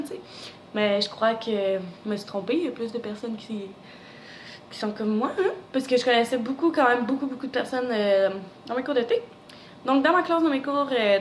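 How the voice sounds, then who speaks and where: Quebec French teen girl, a bit high, rambling storytime vlogger, roomy echo. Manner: chatty, many fillers, acts out the dialogue. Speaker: YouTuber. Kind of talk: casual storytime vlog. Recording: echoey room, faint background noise.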